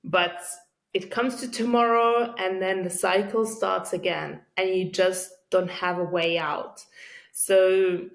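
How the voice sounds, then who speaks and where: A woman with a Lithuanian accent, a podcast guest telling her own story earnestly, pausing often with fillers. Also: mid-range voice, steady tone, vocal fry. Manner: earnest, halting with frequent pauses and fillers. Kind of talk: interview storytelling.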